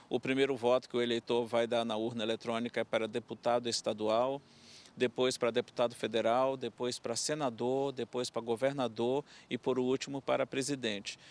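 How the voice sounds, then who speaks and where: A middle-aged man from Curitiba, an electoral court official, explaining voting rules into a handheld mic. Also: mid-range voice. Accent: Brazilian Portuguese, Curitiba. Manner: explanatory, advisory. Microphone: handheld reporter mic.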